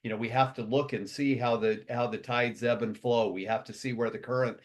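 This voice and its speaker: Addressing his members to motivate them, a company head talks quickly in a medium-pitched, fairly even voice. His speech wanders, full of restarts and lengthy lists.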